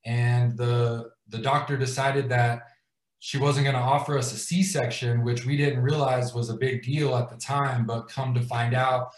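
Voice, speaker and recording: A man's voice: mid-range voice, level tone, unhurried, distant mic. A man in his thirties telling a personal story as guest host on a live stream, rambling with many fillers and restarts. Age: 30s. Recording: roomy sound, away from the mic.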